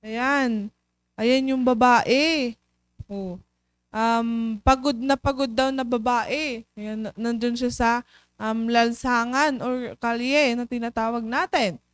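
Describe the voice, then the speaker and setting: A woman leading a children's devotion, telling a Bible story slowly with many fillers and questions to the children. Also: on the high side, fairly even intonation, smooth, no echo. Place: church.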